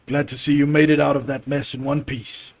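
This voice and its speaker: A man voicing a mocking male village smith in a loud, blunt manner in a role-playing game. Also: fairly high pitch, level tone, moderate pace, vocal fry.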